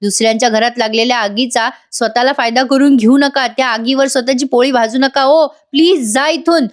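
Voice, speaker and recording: A woman's voice: high voice, normal speed, close to an everyday voice. A woman voicing an angry, proud middle-aged mother-in-law who scolds intrusive reporters. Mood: scolding. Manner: scolding and offended.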